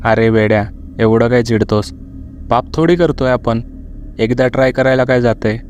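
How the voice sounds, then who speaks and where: A man's voice: medium pitch, steady tone, moderate pace, a little mellow, dull audio, a little hiss or hum, natural voice. A man voicing a cheeky young male roommate in a storybook reading, teasing and coaxing his friends.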